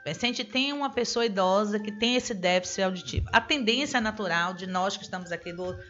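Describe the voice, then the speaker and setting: Measured Brazilian woman host, muffled sound. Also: mid-range voice, fairly bright tone. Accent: Brazilian Portuguese. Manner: slow, measured questioning. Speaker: radio show host. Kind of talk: interview questions. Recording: dull lo-fi broadcast audio.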